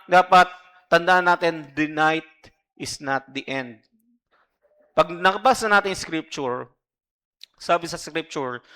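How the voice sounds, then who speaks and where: A man's voice: on the high side, sharp tone. A male pastor with a Filipino accent preaching a sermon in mixed Tagalog and English, often checking in with the congregation through short tag questions.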